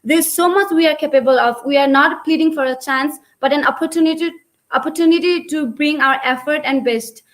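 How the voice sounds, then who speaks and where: A woman's voice: high voice, brisk. A young woman with a Nepali accent speaking earnestly as a panelist on a webinar video call. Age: young adult. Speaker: youth panelist.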